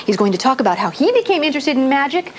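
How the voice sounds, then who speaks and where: A woman's voice: high voice, very animated, rapid-fire, slight background noise. A woman hosting a children's show in a television studio, with playful, exclamatory kids party magician patter. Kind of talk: hosting a kids' show with young audience participation.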